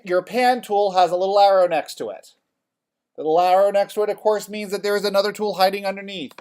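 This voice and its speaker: Male instructor, a touch high-voiced, casual and talkative, walking a class through software. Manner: chatty, checks in with "okay?" often. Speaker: college theater design instructor.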